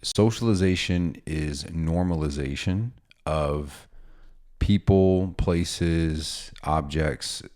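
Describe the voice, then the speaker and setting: Speaking very slowly in an extremely low voice, this male dog trainer keeps things casual and instructional, using examples and asides as he explains.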